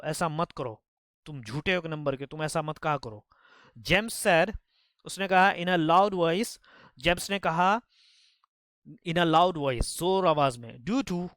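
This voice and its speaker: A man's voice: on the high side, a bit bright, clean tone, no room sound, clean studio sound. A man teaching spoken English, reading story lines aloud and explaining them phrase by phrase. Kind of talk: Hindi-language spoken English lesson.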